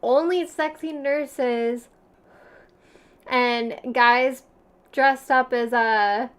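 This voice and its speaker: Young woman, high voice, Valley Girl accent, casual stream chat, slangy, giggly. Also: fairly even intonation, extremely slow, a bit bright, smooth. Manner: frequent "like" filler, slangy; giggly, laughs often between phrases. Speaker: livestream host chatting with viewers.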